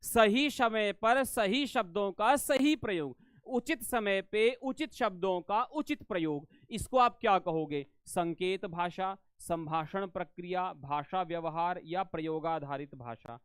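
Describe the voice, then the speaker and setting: Teaching a live online exam-prep lesson, a man speaks in a high, smooth, resonant voice that's a bit bright, at a measured pace. He repeats key phrases and keeps quizzing his students, calling them beta and asking whether they understand. The sound is dry and close, with no room echo.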